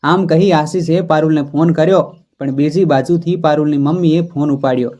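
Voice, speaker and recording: Mellow male storyteller. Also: fairly high pitch, fairly even intonation, moderate pace, lo-fi sound. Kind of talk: scripted story narration.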